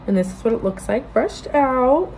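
A woman's voice: high-pitched, big pitch swings, moderate pace, vocal fry, darkish tone. A woman, chatting casually and in a rambling, informal way to a phone camera as a vlogger. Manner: rambling, informal, self-interrupting. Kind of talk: casual get-ready-with-me chat to camera. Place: indoors in a small bedroom-like room. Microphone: phone propped at arm's length. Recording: noisy room phone recording.

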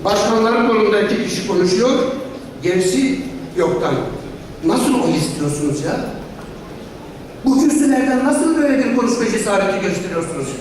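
A woman's voice: mid-range voice, animated, a little fast, pauses often. A woman delivering an impassioned, combative convention speech as an association leader, full of rhetorical questions and emphatic repetition. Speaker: professional association leader addressing an assembly. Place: large assembly hall, speaking from a podium. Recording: echoey hall, distant mic, noisy.

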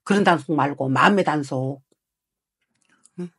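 A woman's voice: deep voice, normal speed, husky, no echo, studio quality. A woman fortune teller harshly scolding a client, swearing and prodding him with rhetorical questions. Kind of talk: heated consultation with a client.

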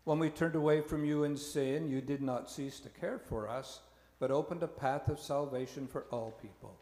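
A man's voice: fairly high pitch, warm tone. Man praying in cathedral echo. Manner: slow, measured intoning. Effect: long cathedral-like echo. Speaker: presiding minister. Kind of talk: leading a liturgical prayer. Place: large church. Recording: echoey church hall with music.

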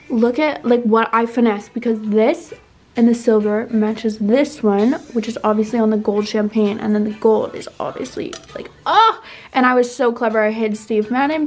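Young female vlogger, high and bubbly, roomy handheld-camera sound. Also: darkish tone. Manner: chatty, bubbly, lots of "like" fillers. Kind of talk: casual vlog chat. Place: her mom's house, indoors. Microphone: handheld vlog camera.

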